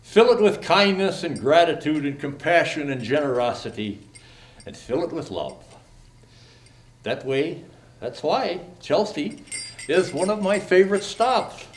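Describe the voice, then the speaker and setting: A man's voice: a little high, big pitch swings. An older man playing Santa Claus as a jolly, kindly old storyteller, theatrical and grandfatherly as he speaks to children at a live event. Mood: kindly, encouraging. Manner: theatrical, grandfatherly, unhurried phrasing. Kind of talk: storybook poem reading and kindly address to children.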